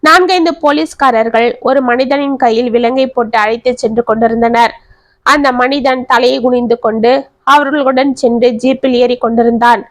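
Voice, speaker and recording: Storyteller: a woman with a high voice who reads with feeling, recorded dry and close. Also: no room sound. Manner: voices every character herself, emotive. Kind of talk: reading a family story aloud.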